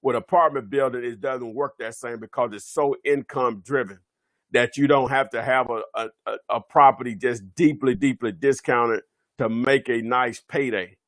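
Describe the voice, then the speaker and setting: A man's voice: medium pitch, fairly even intonation, moderate pace, a bit bright, no room sound. A man presenting a real estate webinar, talking off the cuff with many fillers and self-corrections. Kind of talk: unscripted instructional webinar talk.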